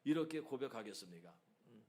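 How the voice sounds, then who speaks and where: A middle-aged man preaching a sermon as pastor of his church. He speaks with animated emphasis and often tosses in rhetorical asides to the congregation. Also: medium pitch, a little fast. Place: church sanctuary.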